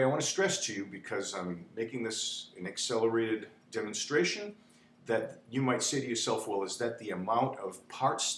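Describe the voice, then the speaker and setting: A man's voice: mid-range voice, fairly bright tone. A man teaching a spreadsheet tutorial in a chatty, repetitive way, often asking "okay?". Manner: chatty, repeats "okay?", dramatizes panic. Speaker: instructor. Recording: echoey room with faint hum.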